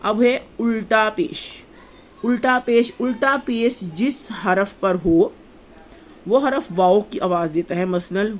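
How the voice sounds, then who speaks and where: With a medium-pitched voice, a woman teaches children to read the Quran in a slow, step-by-step lesson. She repeats each rule and spells out syllables with drawn-out vowels.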